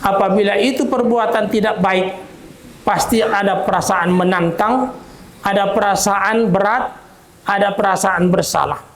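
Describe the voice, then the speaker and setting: A man preaching to a gathering, telling a story in a calm, measured way. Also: reverberant. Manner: calm, measured, quotes voices in a lower tone. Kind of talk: sermon with storytelling.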